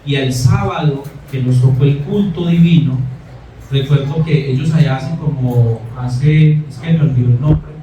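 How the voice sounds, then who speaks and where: A man's voice: mid-range voice, moderate pace, warm tone, slight background noise. A man preaching a sermon, telling a personal story in a conversational way and often asking "¿cierto?". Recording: echoey room, mic far off.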